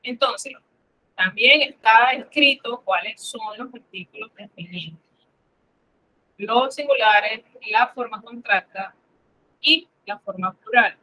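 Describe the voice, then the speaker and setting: A woman's voice: fairly high pitch, slow, sharp tone, slight background noise, rough recording. A woman teaching a French lesson in Spanish, explaining patiently and repeating examples for her students. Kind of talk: classroom lesson.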